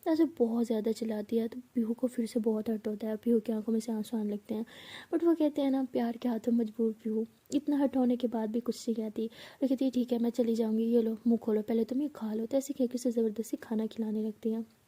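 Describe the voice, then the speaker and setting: A woman storyteller narrating a romance in a soft, half-whispered way. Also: fairly high pitch, fairly even intonation, quick pace, breathy edge.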